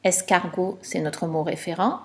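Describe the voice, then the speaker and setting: A woman teaching a reading lesson to young children, explaining slowly and clearly with patience. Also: medium pitch, animated.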